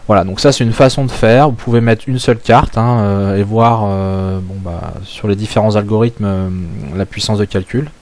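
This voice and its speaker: Hesitant, low-voiced French man explaining. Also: fairly even intonation, normal speed, few pauses, darkish tone. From France. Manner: hesitant, many filler sounds, thinking aloud. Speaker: crypto mining channel host. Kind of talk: casual screen-share tutorial.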